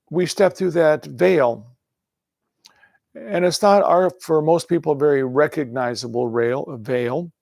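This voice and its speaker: A man giving a calm livestream meditation talk as a spiritual teacher, repeating affirming phrases. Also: fairly high pitch, creaky, dry recording, clean studio sound.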